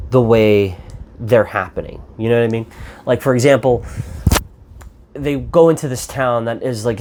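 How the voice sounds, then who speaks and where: A man's voice: mid-range voice, a little mellow. A man ranting through a movie review, exasperated and profane, rambling as he goes. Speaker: film reviewer.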